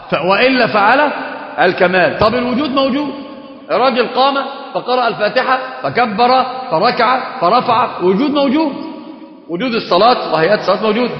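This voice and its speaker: A high-voiced man with an Egyptian accent lectures at a quick clip, firing rhetorical questions and answering them himself. His voice rings through a large, reverberant hall. The recording is dull and lo-fi, like an old lecture tape. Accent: Egyptian Arabic. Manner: repeats words and restarts. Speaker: Islamic scholar teaching a lesson. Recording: echoey hall, dull lo-fi sound.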